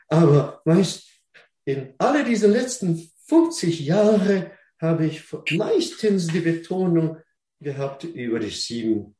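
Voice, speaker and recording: A man preaching a sermon in German, which is not his first language, at a slow and deliberate pace. He restarts and repeats words and turns questions back to the listeners. The sound is roomy, with a clear echo around the voice. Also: mid-range voice, darkish tone.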